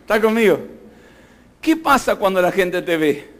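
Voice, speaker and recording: A man's voice: high voice, animated, moderate pace. A man preaching a sermon, emphatic and constantly asking the congregation questions. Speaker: pastor.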